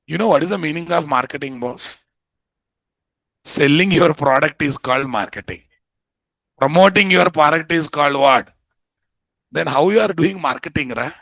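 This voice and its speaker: A man with a Telugu Indian accent teaching a programming class in an animated, colloquial way, often putting rhetorical questions to the students. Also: a little high, vocal fry, no echo. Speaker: programming instructor. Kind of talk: interactive classroom lecture.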